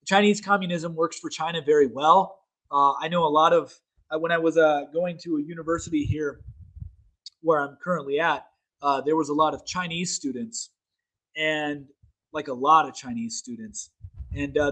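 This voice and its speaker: A man's voice: on the high side, a bit bright, low-quality recording. A young man hosting a casual solo political talk show, rambling, repeating himself and using many fillers. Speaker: show host.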